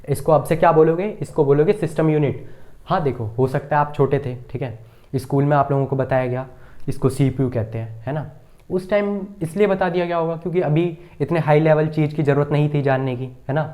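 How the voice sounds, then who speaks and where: A man's voice: on the high side, mellow. A man teaching a computer lesson at a board, asking the class questions and repeating key terms with frequent checks.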